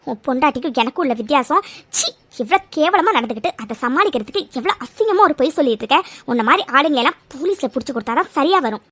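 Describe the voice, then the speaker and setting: Meera is a fiery young cartoon heroine, as a woman voices her, with a very high voice and rapid, scolding delivery. The recording is close and dry, with no room sound. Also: lively intonation, fairly bright tone, dry recording. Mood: indignant. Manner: scolding, indignant. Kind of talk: Tamil cartoon fan dub.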